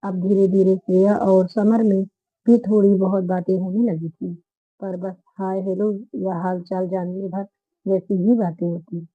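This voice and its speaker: A woman storyteller reads a romance story aloud at a steady, even pace. Her voice sits in a middle pitch. The recording is narrow and tinny, like a phone line. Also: measured pace, no echo. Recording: phone-like narrow band audio.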